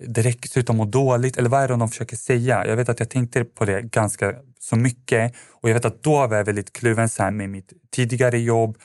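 A man's voice: medium pitch, steady tone, hardly any pauses, darkish tone, no room sound, studio quality. A man, a podcast guest, telling a personal story in a casual, rambling way with lots of fillers and restarts.

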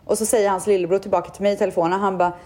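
A woman's voice: mid-range voice, flat delivery, warm tone. A young woman from Sweden chatting casually, animatedly retelling a story and quoting people.

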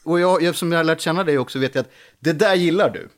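A man, a comedian, telling stories in a casual podcast chat, animated and full of restarts. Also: a little high. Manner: animated storytelling with frequent restarts. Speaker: comedian guest.

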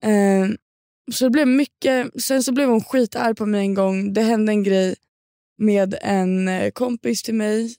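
A young woman from Sweden tells a story in a loose, slangy podcast chat. Her voice has a gravelly fry, recorded dry and close on the mic. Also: medium pitch, steady tone, warm tone, dry recording. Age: young adult. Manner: storytelling, chatty with slang and swearing. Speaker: podcast co-host. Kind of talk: casual chat.

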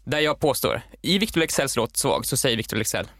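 A young man co-hosting a podcast, telling a story in a lively, mock-dramatic way. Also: medium pitch, no room sound, clean studio sound. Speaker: podcast co-host. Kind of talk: casual chat.

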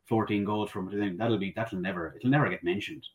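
A man's voice: on the low side, steady tone, brisk. A man with a west of Ireland accent chatting casually about sport in a rambling, self-correcting way. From Sligo, west of Ireland. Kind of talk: casual football discussion.

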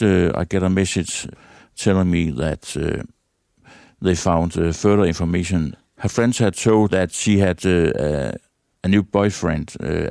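An older man, a former detective, recounting a police case haltingly with frequent hesitations. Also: low voice, creaky, darkish tone, no room sound, studio quality. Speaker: former detective superintendent, interviewee.

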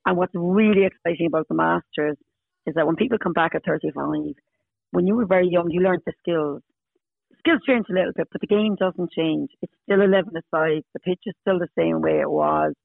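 Creaky Munster Irishwoman on a tinny line. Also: fairly low pitch, a little fast, no echo. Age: 50s. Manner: chatty, emphatic repetition. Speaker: podcast guest, Masters hockey player. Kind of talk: casual interview.

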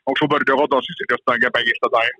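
A man co-hosting a casual sports podcast, giving short replies and relaxed asides. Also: medium pitch, dry recording, low-quality recording. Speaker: podcast co-host.

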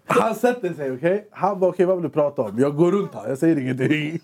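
A young man co-hosting a casual chat, telling a story animatedly and acting out both sides of a conversation. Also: on the high side. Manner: animated, quotes himself and others in quick bursts. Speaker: podcast co-host.

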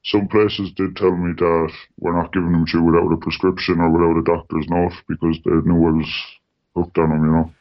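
Speaking a little fast with little pitch movement, this anonymous male radio guest is matter-of-fact and plain, peppering his speech with "like" and "you know." A distortion filter disguises his voice and makes it deep, and the audio is dull lo-fi.

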